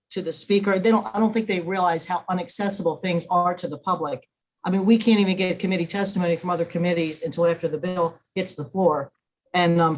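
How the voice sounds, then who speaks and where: A woman's voice: fairly low pitch, slight background noise, poor audio. An American woman legislator making earnest, emphatic off-the-cuff remarks in committee, repeating words for stress.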